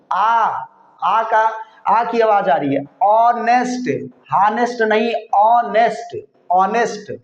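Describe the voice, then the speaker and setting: Male english teacher, high-ish voice, slow and repetitive, spells stuff out, echoey room, kinda dull sound. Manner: slow, repetitive explaining, spells words letter by letter. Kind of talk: Hindi-language grammar lesson.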